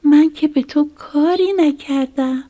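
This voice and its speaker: Brief: whispered role-play little mouse, by a woman, indignant and pleading, husky whisper. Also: full character voice. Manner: high, pleading and upset. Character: small, hardworking, indignant male mouse.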